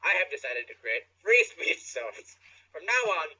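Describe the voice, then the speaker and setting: A man's voice: fairly high pitch, big pitch swings, normal speed, bright, forceful tone, slightly rough, voice pushed up, exaggerated voice. A man voicing a pompous old male headmaster wizard who declaims grandly, recorded lo-fi. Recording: lo-fi, dull sound.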